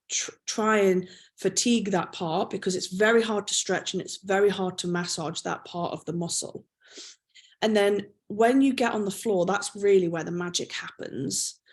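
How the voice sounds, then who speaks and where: A woman guest on an interview, calmly walking the listener through how the body holds and releases tension. Her pitch sits in an ordinary middle range. She explains patiently and keeps checking that you follow. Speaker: trauma release exercise practitioner, interview guest.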